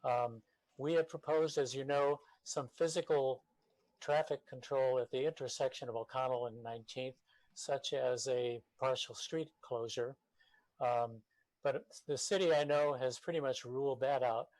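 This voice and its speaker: A man's voice: medium pitch, fairly even intonation, a little mellow, no echo, low-quality recording. Man calling in to a meeting, dry sound. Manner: halting, many fillers and restarts. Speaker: public commenter for a neighborhood association. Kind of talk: public comment at a city meeting. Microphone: remote call-in.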